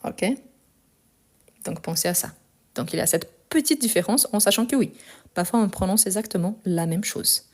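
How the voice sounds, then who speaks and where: A woman's voice: medium pitch, lively intonation, moderate pace, pauses often. A woman teaching a live online French lesson, explaining sounds patiently and checking in with her viewers. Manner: explanatory, repeats key points with "ok?" checks.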